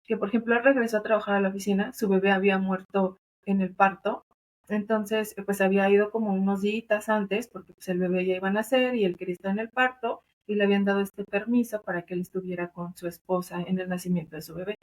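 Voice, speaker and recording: A woman's voice: medium pitch, fairly even intonation, fast talker. A woman with a Mexican accent, a doula and thanatologist, explaining earnestly in a conversational interview, with many fillers and tag questions. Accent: Mexican Spanish. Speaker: doula and thanatologist, podcast guest.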